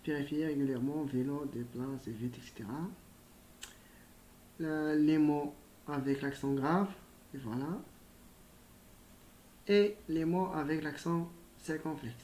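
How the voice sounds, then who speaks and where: Male schoolteacher, unhurried and patient, slightly high voice, light hiss behind. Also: darkish tone. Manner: slow, patient, addresses pupils directly. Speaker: primary school teacher. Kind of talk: recorded spelling lesson.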